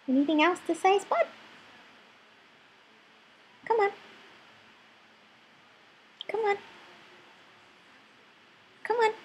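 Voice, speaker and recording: A woman's voice: very high voice, expressive, very slow, pauses often, low-quality recording. A woman in playful, affectionate pet talk, cooing short questions and phrases over and over. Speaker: pet owner talking to her parrot.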